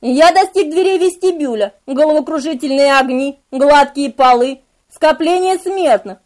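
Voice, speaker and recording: A woman's voice: high voice, moderate pace, a little mellow. A woman reading a novel aloud in a dramatic, vivid first-person narration. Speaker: audiobook narrator.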